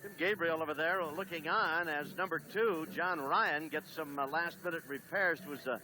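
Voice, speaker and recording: A man calling a late-1970s televised soccer match as play-by-play announcer, briskly reading standings, lineups and notices. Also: fairly high pitch, poor audio. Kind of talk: 1970s TV sports broadcast. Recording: old TV broadcast with steady noise.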